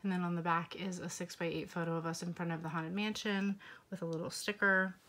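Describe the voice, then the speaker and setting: A young scrapbooking vlogger with a lower, slightly hoarse voice, since she is losing it, gives a relaxed, chatty walkthrough at a slightly fast pace. She uses fillers and occasionally drops into whispered asides.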